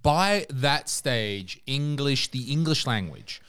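Man, host, medium pitch, casual chat, rambling questions, some swearing. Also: expressive, takes it slowly, fairly bright tone, clean tone. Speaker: podcast host. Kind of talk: casual conversation.

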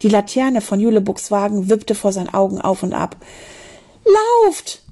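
A woman's voice: medium pitch, steady tone, brisk, dark tone, husky. A woman reading a children's story aloud, expressively, with small slips and restarts. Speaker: narrator.

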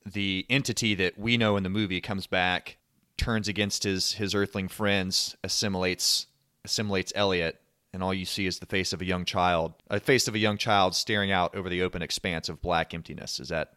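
Low-voiced joking man in a dry room. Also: fairly even intonation, normal speed, pushed and bright, clean tone, no room sound. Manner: joking, riffing. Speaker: podcast host. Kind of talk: casual chat.

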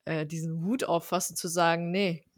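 A woman's voice: medium pitch, fairly quick, dry recording, clean studio sound. A young woman, raised speaking Armenian at home, telling personal stories in a casual conversation with many fillers. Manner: chatty, animated storytelling with fillers.

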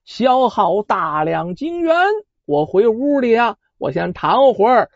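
A storyteller voicing an evil pheasant spirit in human form, gloating and boastful, in a storytelling performance, on a dull lo-fi recording. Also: no room sound. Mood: weary. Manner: booming, mocking laughter, slow drawn-out.

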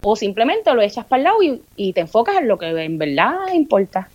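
A woman with a Puerto Rican accent, telling personal stories in a candid, animated way in a casual podcast conversation. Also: medium pitch, fairly quick, muffled recording. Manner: candid, animated storytelling with playful mimicry and swearing. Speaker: guest.

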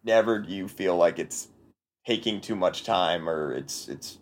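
A laid-back man with a lowish voice joining a casual music chat. He speaks easily and unhurried, letting his points trail off now and then. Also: a little hiss or hum.

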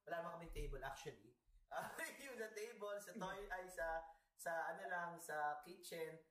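A man's voice: sits high, lively intonation, moderate pace, a bit bright. A man from the Philippines co-hosting a podcast, telling stories in a playful, sassy, self-mocking way. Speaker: podcast co-host. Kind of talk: casual storytelling chat. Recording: echoey room.

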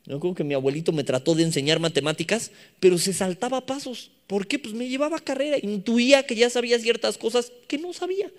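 A young man with a Mexican accent preaching a sermon to youth, animated and mixing playful slang with scripture. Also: sits high, a little fast, hardly any pauses. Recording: long echoing reverb of a hall.

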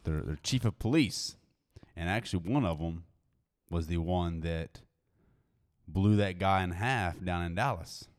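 Guy on a podcast, kinda low voice, crude jokes, keeps restarting sentences. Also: measured pace. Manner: crude joking, trails off and restarts. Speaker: podcast co-host. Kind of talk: casual chat.

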